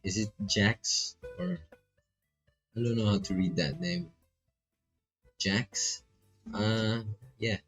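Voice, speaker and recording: This streamer from the Philippines reads a game aloud in a fairly low, fairly bright voice with lively intonation, speaking slowly with long pauses and dropping in joking slang. The lo-fi mic is slightly dull, and faint game music plays in the background.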